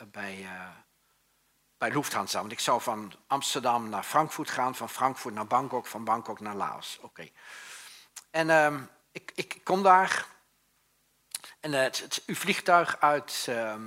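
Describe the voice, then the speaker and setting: A man's voice: mid-range voice, sharp tone. A male preacher telling a personal story in a sermon, chatty, acting out the dialogue as he goes.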